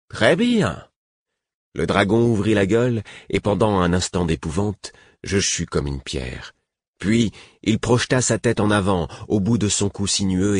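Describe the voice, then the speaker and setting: A man reads a fantasy audiobook in the first person with a steady, measured delivery. His voice is very low and husky, and the recording is close and dry with no room sound. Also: dry recording. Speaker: audiobook narrator. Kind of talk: scripted first-person narration.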